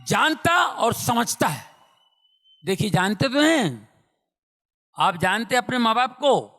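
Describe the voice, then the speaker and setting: A middle-aged man with a notably high voice preaches with emphatic repetition, pushing some lines loud and dropping others to a hush. His words ring out with the long reverb of a large hall. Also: sing-song, takes it slowly, faint music behind. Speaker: preacher giving testimony. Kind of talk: sermon.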